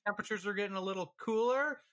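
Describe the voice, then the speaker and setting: A man's voice: high voice, very fast, a bit bright. A man co-hosting a casual podcast, who talks hesitantly with stammered restarts and laughs easily. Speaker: podcast co-host. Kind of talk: casual chat.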